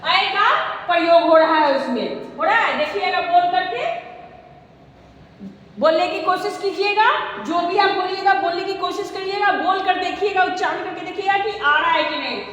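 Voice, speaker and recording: A woman's voice: very high-pitched, a bit bright, slight background noise. A woman teacher with a Bihari Hindi accent giving an online grammar lesson, repeating points and quizzing her students. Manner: slow, repetitive, quizzing students. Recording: echoey room with long reverb.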